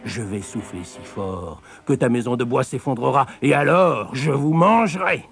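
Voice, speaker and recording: A man voicing the big bad wolf in a storybook reading, coaxing sweetly and then threatening loudly. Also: mid-range voice, moderate pace, soft background music, voice pushed up, lightly acted. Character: big bad male wolf, sly and hungry.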